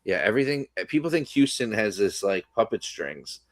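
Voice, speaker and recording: A man co-hosting a sports podcast, rambling in casual chat with lots of restarts and fillers, slightly hoarse from coughing. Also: lowish voice, very animated, normal speed, no echo, clean studio sound. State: coughing today. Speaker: podcast co-host.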